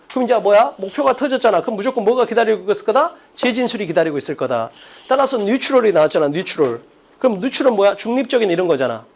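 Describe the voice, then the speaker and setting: A man teaching an online exam-prep English lecture, drilling students with constant rhetorical questions. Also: high voice.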